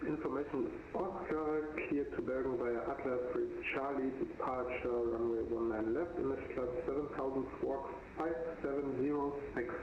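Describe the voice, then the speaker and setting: A man flying as a pilot, reading back a clearance over a pilot headset radio. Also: mid-range voice, steady tone, normal speed, hardly any pauses. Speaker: pilot in a flight simulation. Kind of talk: clearance readback. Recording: very echoey, muffled, noisy radio channel.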